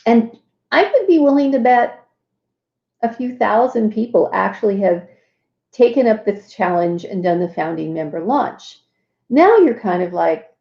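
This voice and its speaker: Slow chatty woman in a roomy room. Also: on the low side, creaky, dull audio. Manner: chatty, lots of fillers and asides. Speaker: host. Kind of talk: casual livestream walkthrough.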